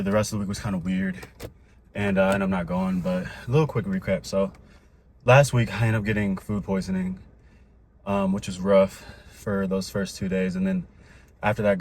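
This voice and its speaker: A young man chats in a loose, rambling vlog style, a little winded as he talks. His voice sits low. Faint ambient noise hums behind him. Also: a little mellow. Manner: upbeat, rambling, faith-filled talk with fillers. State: out of breath. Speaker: vlogger. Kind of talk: casual vlog talk. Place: Dallas, Texas.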